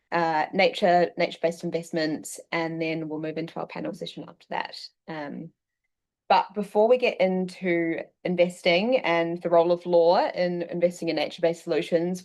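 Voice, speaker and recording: Low-voiced woman presenting to a room. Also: darkish tone. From New Zealand. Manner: measured, explanatory, with frequent ums. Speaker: session co-host presenting. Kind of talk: presentation talk. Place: meeting room with an audience.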